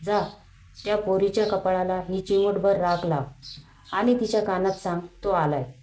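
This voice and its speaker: A woman voicing a mysterious, calm old male beggar saint who gently chides. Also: mid-range voice, moderate pace, reverberant, close to an everyday voice. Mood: calm chiding.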